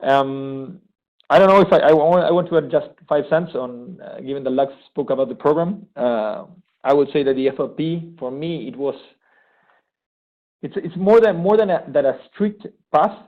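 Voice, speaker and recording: Over a tinny, phone-like line, a slightly high-voiced Argentine man speaks as a graduate program participant. His unscripted testimonial is eager yet halting, full of frequent restarts.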